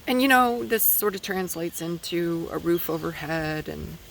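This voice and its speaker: Gravelly man rambling outdoors. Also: fairly high pitch, steady tone, measured pace, fairly bright tone, slight background noise, poor audio. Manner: hesitant, many fillers and restarts, blunt opinions. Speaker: podcast host. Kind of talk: rambling opinion monologue. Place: outdoors in wind.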